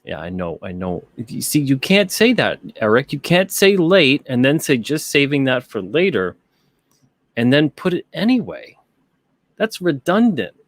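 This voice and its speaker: Hosting a live-stream show, a man with a medium-pitched, very animated voice chats casually and a little slowly, reading out comments as he goes. He rambles and repeats himself in a conversational way, and there's no echo.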